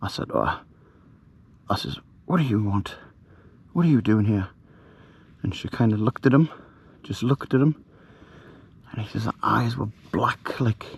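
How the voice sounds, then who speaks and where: A middle-aged man, telling a ghost story in a hushed, rambling way with many fillers, camping outdoors at night. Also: lowish voice, slightly rough, dry recording. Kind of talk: casual storytelling to camera.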